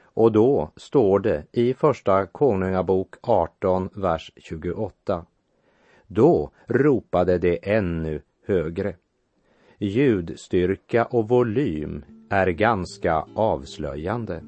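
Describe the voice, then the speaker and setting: A man giving a measured sermon that explains Bible passages and reads verses aloud. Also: sits low, expressive, warm tone, dry recording, dull audio. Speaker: preacher. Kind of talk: radio sermon, Bible exposition.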